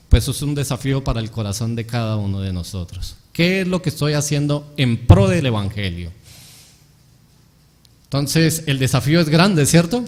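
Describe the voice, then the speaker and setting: A man's voice: medium pitch, a little mellow. A man, a pastor, preaching a sermon and putting rhetorical questions to his congregation. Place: church hall. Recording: long hall reverb.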